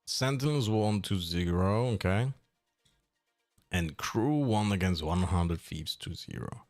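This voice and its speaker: A man casually chatting on a live stream, reading and answering chat in a relaxed, mumbling way that trails off. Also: low voice, slow, soft background music.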